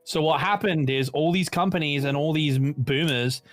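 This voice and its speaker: A man in his late twenties with an Australian accent, chatting casually on a podcast and explaining things at length in an animated way. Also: on the high side, normal speed, soft background music. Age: 20s. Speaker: podcast co-host.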